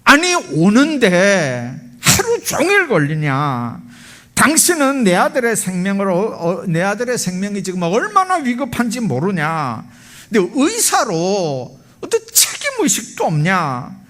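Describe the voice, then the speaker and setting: A man voicing an angry father who yells accusations at a doctor, acted out inside a sermon. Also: high-pitched, huge pitch swings, measured pace, pitched above the performer's own voice, exaggerated voice. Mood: furious. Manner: yelling, accusing, indignant. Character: furious, shouting father of a boy in surgery.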